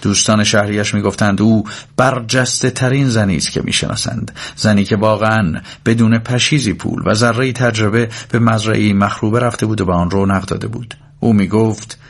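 A man reading literary fiction aloud as a steady, measured audiobook narrator. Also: on the low side.

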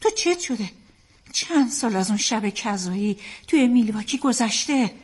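Brief: a steady, loving wife and mom, high husky voice, soothing but firm; dubbed drama. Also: female voice. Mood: comforting. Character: loving, steady wife and mother calming her husband. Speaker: dubbing actor.

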